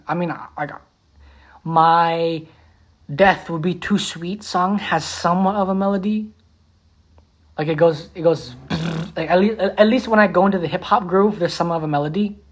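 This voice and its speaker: A beatboxer and musician chatting casually on a livestream, repeating titles slowly and humming melodies. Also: mid-range voice.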